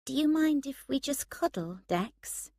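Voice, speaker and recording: A woman's voice: high voice, animated, a little slow, dark tone, no room sound, clean studio sound, voice pushed up. Woman reading as a wry, self-mocking young woman.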